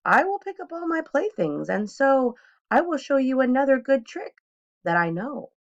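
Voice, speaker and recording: A woman's voice: sits high, sing-song, moderate pace, voice pushed up. A woman voicing a showy, unflappable male cat from a children's storybook, theatrical and singsong. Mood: breezy, reassuring. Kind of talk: children's storybook read-aloud. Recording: dull lo-fi sound.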